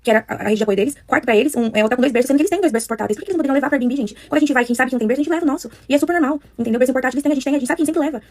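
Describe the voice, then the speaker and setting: A Brazilian woman talks at breakneck speed, her voice sitting a little high and sounding upset as she circles back over the same points. The sound is close and dry, with no room echo, as she vents to her followers from home. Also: darkish tone. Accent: Brazilian Portuguese. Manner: upset, rapid, repeats herself for emphasis. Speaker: influencer talking to followers. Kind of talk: casual venting to camera. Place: at home, indoors.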